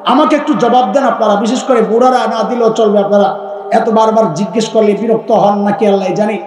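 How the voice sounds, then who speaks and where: A man from Bangladesh preaches a sermon to a gathering in a very high, ringing voice. He speaks with passion, pressing the crowd with questions and breaking into chanted verses. His voice booms through a heavy echo that hangs in a long hall reverb. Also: fairly quick, a little mellow. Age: adult with grown children. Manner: impassioned, calls out questions for the crowd to answer; chants scripture verses in a sung tone. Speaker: Islamic preacher.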